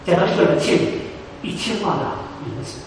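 High-voiced preacher in an echoey hall. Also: male voice, expressive, moderate pace, distant mic, a little hiss or hum. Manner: emphatic, repeats phrases for stress. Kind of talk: sermon.

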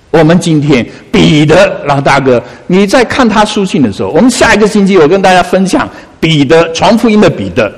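A man's voice: a little high, breathy edge. Pastor guy preaching in a church hall, voice jumps all over, keeps asking the crowd stuff. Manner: animated, coaxing, asks listeners questions. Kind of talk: sermon.

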